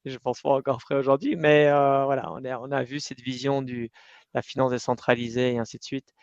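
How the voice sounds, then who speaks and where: A middle-aged company cofounder, from Iran and Switzerland and raised in the United States, talks as an interview guest in a smooth, clean, mid-range voice with very little rise or fall. He tells animated stories at a brisk pace, full of fillers and restarts. The recording is dry and a little dull, with no room sound.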